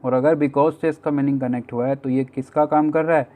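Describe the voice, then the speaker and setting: In a classroom lecture, a male English teacher with an Indian accent walks through grammar step by step, posing rhetorical questions to the class and mixing Indian English words into Hindi speech. His voice is mid-range, warm, and fairly even, delivered briskly in a dry recording.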